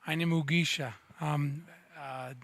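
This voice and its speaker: A male surgeon in the audience asking questions at a conference, thoughtful and pausing with fillers, on a handheld microphone in a hall. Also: fairly high pitch, steady tone, creaky, a bit bright, slight background noise. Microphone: handheld microphone passed around.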